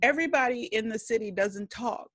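Animated woman telling stories. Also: fairly high pitch, a little fast. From New Orleans. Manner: animated storyteller, acts out quotes with laughs. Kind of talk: casual conversation.

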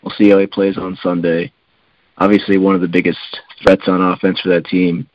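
A man co-hosting a casual sports podcast, relaxed and hedging, with lots of fillers. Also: deep voice, moderate pace, no echo, highs cut off. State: coughing. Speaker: podcast co-host.

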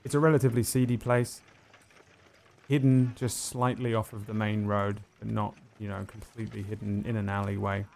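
A man narrating a tabletop game as its game master. His voice is gravelly, and he pieces scenes together haltingly, thinking aloud as he goes. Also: fairly low pitch, level tone, darkish tone.

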